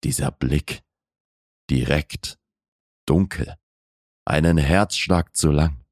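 A man narrating a romance audiobook in a measured, intimate way. His voice is extremely deep and unhurried. The sound is close and dry. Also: darkish tone, breathy edge, no room sound. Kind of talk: scripted narration of a romance novel.

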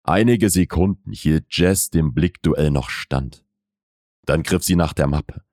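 A man narrating a romance audiobook in a measured, intimate way. His voice is extremely deep and unhurried. The sound is close and dry. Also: a little mellow, no room sound. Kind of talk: scripted narration of a romance novel.

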